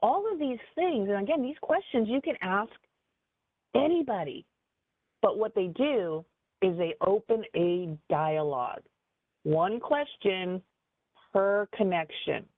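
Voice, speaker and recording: A woman business advisor giving a webinar training in an animated, conversational way, with frequent fillers. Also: mid-range voice, takes it slowly, no room sound. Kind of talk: webinar presentation. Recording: tinny phone-like dry audio.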